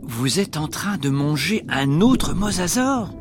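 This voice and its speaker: A man narrating an adventure like a nature documentary, in an animated, dramatized way, as host of a children's show. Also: on the high side, takes it slowly, music in the background.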